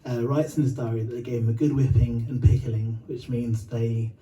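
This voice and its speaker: A man's voice: mid-range voice, level tone, moderate pace, mellow, distant mic, low-quality recording. A man from Uganda and Britain telling a long, rambling story between songs, full of fillers, swearing and laughter.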